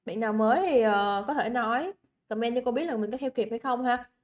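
A woman's voice: a little high, a little fast. Chatty Vietnamese woman teaching English live. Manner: chatty, coaxing, repeats words for emphasis and checks on students. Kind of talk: livestream exam review lesson.

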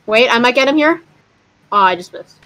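A woman chatting casually while gaming with friends, excitable, often squealing and gasping. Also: a little high, normal speed, rough recording. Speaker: gamer. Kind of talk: casual multiplayer game chat.

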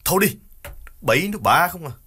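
A man voicing an irritable older man who scolds curtly, with soft music behind. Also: medium pitch, lively intonation, fast talker, husky, voice pushed up. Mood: scolding. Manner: curt, scolding.

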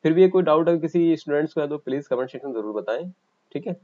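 Indian man teaching math, slow and dark-toned. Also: a little high, lively intonation, highs cut off. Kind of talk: online exam-coaching lecture.

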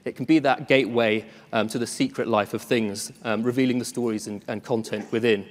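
A man's voice: mid-range voice, fairly quick. Man demoing on a conference stage. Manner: relaxed, self-deprecating, frequent ums. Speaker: tech presenter. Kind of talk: live conference demo. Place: large conference hall. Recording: long reverb of a large hall.

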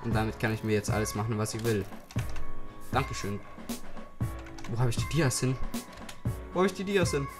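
Eine sehr tief sprechende Frau kommentiert entspannt ein Let's Play, mit Füllwörtern und plötzlichen Zurufen. Das Mikrofon ist übersteuert und verzerrt hörbar, darunter liegt klare Musik. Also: female voice, rumbling low, expressive, normal speed, long pauses. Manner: mumbles to herself, fillers, sudden calls while playing. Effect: clipping, distorted overdriven mic. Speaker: Minecraft let's player. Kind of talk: casual gameplay commentary. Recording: clipping mic with game music behind.

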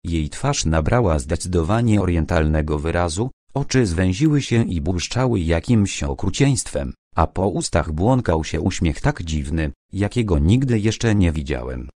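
A man reading a mystery audiobook in a measured, expressive storytelling manner. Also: sits low, no room sound, studio quality. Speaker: audiobook narrator. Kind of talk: scripted narration.

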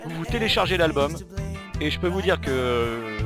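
Rambling French gamer man, slightly high voice. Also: normal speed, music in the background. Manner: rambling, stumbles over words while playing; excitable outbursts at the game. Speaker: gamer and channel host. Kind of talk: live gameplay commentary.

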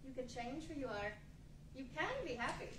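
A woman playing a young, earnest spirit of the past in a radio play, measured and solemn. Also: high voice, noisy background, lightly acted. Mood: gently urging. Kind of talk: 1940s musical radio play acting. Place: large indoor meeting room, live stage reading. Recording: echoey room, distant mic.

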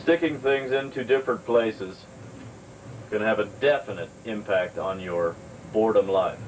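A young man talks at a crawl, delivering a mock-serious lesson with a straight face. He sits back from the camcorder mic, and a steady hum of air conditioning fills the room. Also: fairly low pitch, far from the mic, low-quality recording. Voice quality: deadpan, slow and mock-serious. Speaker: home video comedian. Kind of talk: deadpan mock self-help lesson. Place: motel room while out of town. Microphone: camcorder mic from across the room.

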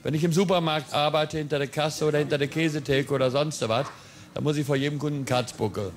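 A man's voice: fairly high pitch, steady tone, fast. A middle-aged man with a German accent, a market crier answering bluntly and cheekily into a handheld microphone. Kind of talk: interview answer. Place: outdoor market sales truck. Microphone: handheld reporter microphone.

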